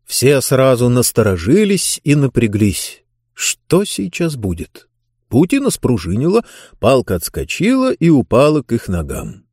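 Male storyteller, mid-pitched, animated and dramatic, dry close-mic read. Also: a little slow, breathy edge, no echo. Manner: expressive, with lively dramatic intonation. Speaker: audiobook narrator. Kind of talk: scripted narration of a fantasy story.

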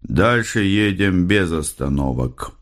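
A man voicing a stone-faced male taxi driver who barks orders in a high, strained shout. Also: animated, takes it slowly, full character voice. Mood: curt. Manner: barking commands.

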